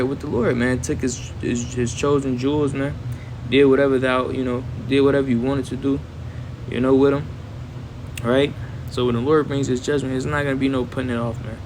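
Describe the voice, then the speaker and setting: A man giving casual Bible commentary, reading verses slowly and tagging his lines with "man" and "right". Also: medium pitch, vocal fry, a little hiss or hum. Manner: reads verses aloud in a slow deliberate cadence. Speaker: scripture teacher.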